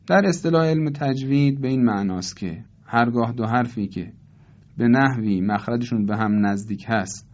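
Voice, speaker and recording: Man teaching Quran recitation rules, deliberate. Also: medium pitch, a little mellow, highs cut off. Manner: slow, deliberate, repeats each example slowly. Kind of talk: tajweed lesson with recited examples.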